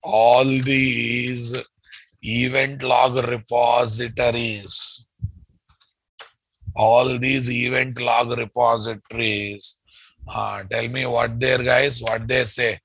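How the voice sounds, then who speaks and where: A man's voice: medium pitch, level tone, slow, vocal fry, fairly bright tone, slightly rough, no echo, rough recording. A man with a Telugu Indian accent giving a live technical lecture as a trainer, explaining step by step and repeating key phrases while addressing his students informally. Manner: repetitive, often addressing students as "guys". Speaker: software trainer.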